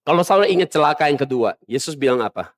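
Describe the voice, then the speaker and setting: A man preaching a sermon as pastor, emphatic and swinging between loud stresses and low murmurs. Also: lively intonation, fast. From Indonesia. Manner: mocks other preachers in a soft mimicking voice. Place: church.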